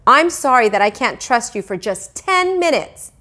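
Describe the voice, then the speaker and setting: A woman's voice: on the high side, big pitch swings, moderate pace, pushed and bright, voice pushed up. Lady playing a fussing mom in a kids' story, dramatic, voice jumps way up. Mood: angry. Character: emotional mother, doting yet quick-tempered.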